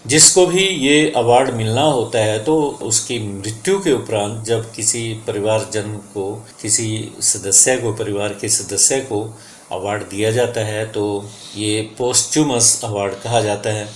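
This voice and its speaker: A man's voice: lowish voice, a little slow, roomy sound, a little hiss or hum. A man with an Indian English accent teaching English vocabulary, switching between Hindi and English and drilling pronunciation carefully. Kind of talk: vocabulary lesson.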